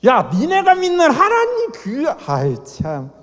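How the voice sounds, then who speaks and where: A man's voice: mid-range voice, flat delivery, slow, a little mellow, voice pushed down, close to an everyday voice. A man voicing a proud ancient Egyptian king who mockingly scoffs at a slave people's god, in a church Bible lecture. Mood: scornful. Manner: mocking, taunting, indignant. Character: scornful proud Egyptian king, male adult. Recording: echoey church hall.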